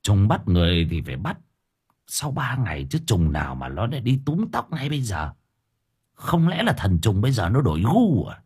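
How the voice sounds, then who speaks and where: Calm wry exorcist guy, man reading it, husky and lively. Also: on the low side, moderate pace, full character voice. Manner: calm, reasoning, slightly wry. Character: young male country exorcist, calm and wry.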